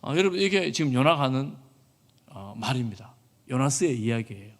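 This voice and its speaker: A man preaching a sermon as pastor, earnest and animated. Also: medium pitch, fairly quick. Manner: earnest, animated, acts out quoted speech. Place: church hall. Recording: echoey church hall.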